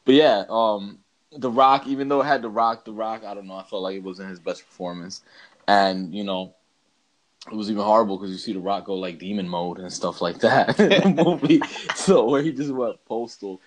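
Ranking bad video game movies in casual conversation, this male podcast co-host rambles in slangy, emphatic bursts. His voice sits on the low side at a normal speed.

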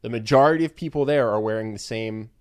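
A man's voice: mid-range voice, fast talker, a little mellow, clean tone. A young man co-hosting a podcast, giving direct and emphatic advice in casual chat. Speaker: podcast co-host.

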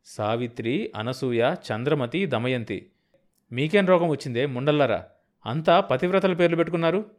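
A man's voice: a little high, lively intonation, normal speed, natural voice. A man voicing a coarse, short-tempered senior police officer who barks sneering questions. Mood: mocking.

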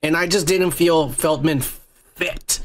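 A man's voice: fairly high pitch, steady tone, takes it slowly. A man co-hosting a casual podcast, crude and joking as he rambles. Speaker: podcast co-host.

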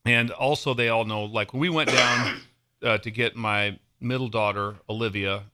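A man from Nebraska, co-hosting a casual sports podcast, telling stories in an excitable, animated way and laughing often. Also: mid-range voice, normal speed, heavy background noise. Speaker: podcast co-host.

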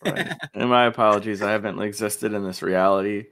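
A man's voice: on the low side, fairly even intonation, fairly quick, gravelly, a bit bright. A man co-hosting a podcast, chatting casually about anime in a slangy, profane, rambling way. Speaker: podcast co-host.

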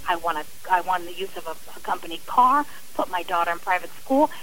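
A middle-aged woman appears as a radio interview guest, giving a personal account in an earnest, emphatic, conversational way. Her mid-range voice is a bit bright, and the low-quality recording carries a little hiss or hum.

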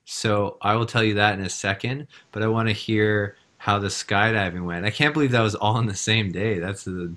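A man's voice: fairly low pitch, moderate pace, hardly any pauses, a bit bright. A man chatting casually, reacting to a friend's story. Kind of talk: casual chat.

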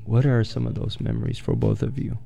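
A man from Yemen hosting a radio show, chatting in a relaxed way and telling stories. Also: mid-range voice, a little fast, gravelly, husky, faint music behind. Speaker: radio host. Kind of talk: casual radio chat. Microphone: studio microphone.

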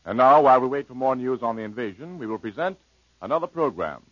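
Brisk old-time 1940s radio announcer, man. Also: medium pitch, expressive, no echo. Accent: American. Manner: formal announcing. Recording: dull 1940s radio recording.

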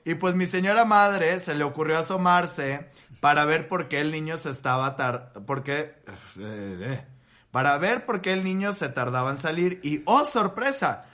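Bright-voiced joking man. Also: on the high side, moderate pace. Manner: joking, crude, laughs often. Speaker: podcast co-host. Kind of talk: casual chat, reading a listener's story aloud.

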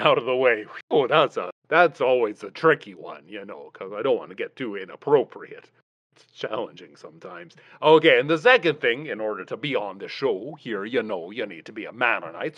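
A man's voice: mid-range voice, dry recording. A man hosting a comic podcast and talking over the phone, rambling in a folksy way with plenty of "you know" and "uh". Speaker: podcast host. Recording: dull, dry phone line sound.

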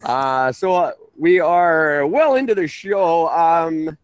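A man's voice: on the high side, slow, smooth, no room sound. A man in his late thirties hosting a casual call-in talk show, rambling and correcting himself as he goes. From Canada. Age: 30s. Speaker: host.

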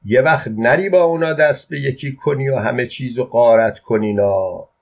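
A man voicing a gruff, jovial older man who hires a boy and gives him orders in a bossy, teasing way. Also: medium pitch, lightly acted. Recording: dull lo-fi recording.

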